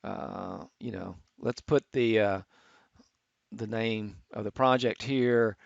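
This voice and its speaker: A middle-aged man teaching architecture students, talking through a software tutorial with many fillers and restarts. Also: lowish voice, slow, creaky, no room sound. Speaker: architecture instructor. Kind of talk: screen-recorded software tutorial. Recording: dull, lo-fi screen capture.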